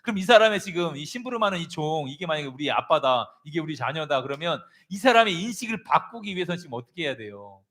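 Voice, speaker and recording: A male pastor preaches with lively, swooping intonation, telling his story with animation. His voice sits a little high for a man. He turns to members of the congregation to ask them questions. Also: fast, hardly any pauses. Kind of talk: sermon.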